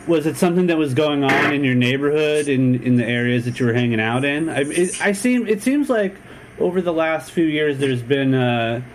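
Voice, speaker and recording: A man's voice: fairly high pitch, expressive, normal speed, noisy background. A man from San Diego hosting a casual interview, laid-back and rambling, swearing casually. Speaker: podcast host.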